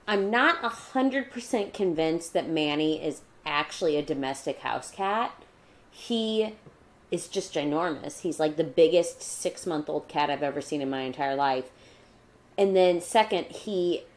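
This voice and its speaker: Chatty woman with a low voice. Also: darkish tone. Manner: chatty, rambling with many likes; mock newscaster voice in her cat segment. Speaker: podcast co-host. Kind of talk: casual chat.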